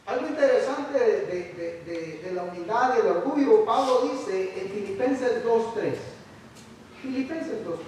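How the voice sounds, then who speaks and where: Man preaching, high voice, far from the mic, echoey hall. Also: lively intonation, a little slow, hardly any pauses, a little mellow, a little hiss or hum. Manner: conversational preaching with repeated stammered restarts. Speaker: pastor. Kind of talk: sermon. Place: church sanctuary.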